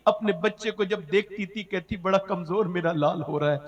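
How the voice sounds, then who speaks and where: A man preaching an emotional storytelling sermon, swinging between loud cries and hushed, half-sung lines. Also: high voice, normal speed, in a large hall.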